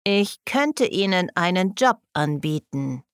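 A woman reading an audiobook, voicing an eerie old man who speaks slowly, formally and without emotion. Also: mid-range voice, dry recording, studio quality. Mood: measured. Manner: slow, measured, deadpan.

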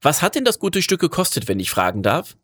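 A man's voice: fairly high pitch, sing-song, a little fast, fairly bright tone, voice pushed up. A man voicing a cheeky young male campsite attendant with a brash, chatty manner. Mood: curious.

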